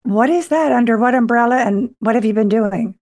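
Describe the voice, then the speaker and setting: A woman's voice: fairly high pitch, a little fast, darkish tone. A woman hosting a poetry interview program, emphatic and familiar in her way of talking. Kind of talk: conversational interviewing and program announcements.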